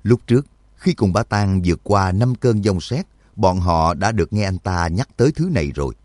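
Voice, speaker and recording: A man narrating an audiobook in an expressive, vivid storytelling manner. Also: low voice, moderate pace, no echo.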